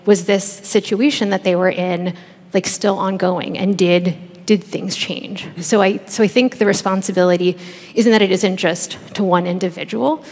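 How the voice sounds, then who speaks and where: A woman in her thirties speaks on a conference stage through a headset mic. She answers thoughtfully, circling back with fillers and restarts. Her medium-pitched voice carries a long hall reverb. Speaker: panelist, researcher and author. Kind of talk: panel discussion answer.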